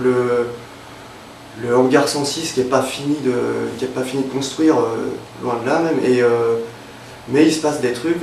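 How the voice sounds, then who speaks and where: A young freelance illustrator from Évreux in Normandy, France, speaks casually in an interview, hesitating often and filling his talk with fillers and restarts. His mid-range voice is gravelly with a darkish tone. He is picked up off-mic from a distance in a roomy space, with faint ambience and slight background noise.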